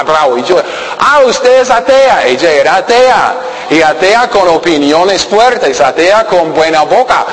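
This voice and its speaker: A man, a pastor telling a story in a sermon, halting and restarting often and checking that listeners follow. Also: fairly high pitch, fairly bright tone. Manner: halting, with many repeated words and restarts; conversational, asking listeners if they follow. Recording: long reverb of a large hall.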